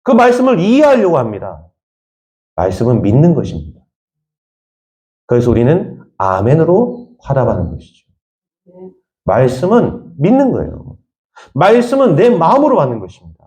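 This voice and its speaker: A man's voice: on the high side, wildly swooping pitch, normal speed, pauses often, warm tone. A man from the Jeolla region of Korea, a pastor preaching a sermon with emphatic repetition and rhetorical questions to the congregation.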